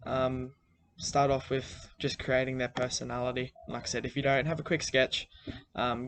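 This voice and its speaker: A man giving recorded class instructions in a relaxed way, with plenty of "um"s. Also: medium pitch, slight background noise. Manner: relaxed, many fillers. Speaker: teacher.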